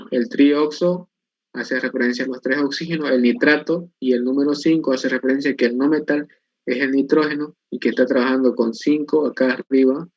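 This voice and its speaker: A man's voice: mid-range voice, dry recording. A man teaching a chemistry class online, explaining step by step and asking and answering his own questions. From Bolivia. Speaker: chemistry instructor. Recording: dull, dry lo-fi recording.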